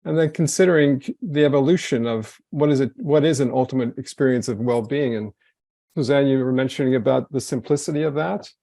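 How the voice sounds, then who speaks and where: A man with a gravelly, mellow voice gently guides a group through reflection questions. His phrasing is loose, and he often stops and restarts a thought. The sound is close and dry, with no room around it. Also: mid-range voice, brisk, no room sound. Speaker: wellness course leader. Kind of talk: guiding a group reflection session.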